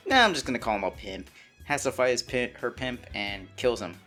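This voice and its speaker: A young man at an ordinary middle pitch, talking loosely and profanely as he plays through a story game with friends. He reads out the characters' lines and jokes about them, with faint music playing underneath. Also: very animated, fairly quick, pushed and bright. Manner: joking, profane, voices game dialogue. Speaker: game streamer. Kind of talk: casual game chat with friends.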